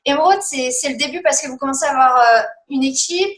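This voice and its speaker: A woman's voice: sits high, fast talker, reverberant. A woman giving rambling, chatty coaching advice on a team call, with many fillers and laughs. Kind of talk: casual motivational coaching talk.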